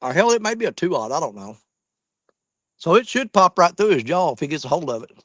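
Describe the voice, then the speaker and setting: Man, slightly high voice, Southern US drawl, folksy and casual fishing chat, dry outdoor sound. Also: big pitch swings, fairly quick, a bit bright, dry recording. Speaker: fishing vlogger. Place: outdoors on a small fishing boat.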